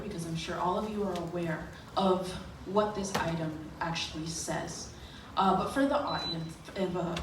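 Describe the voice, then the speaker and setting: A young adult woman from Miami giving a public comment at a board meeting, earnest and pointed, with frequent fillers. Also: mid-range voice. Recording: echoey hall, from far off, noisy.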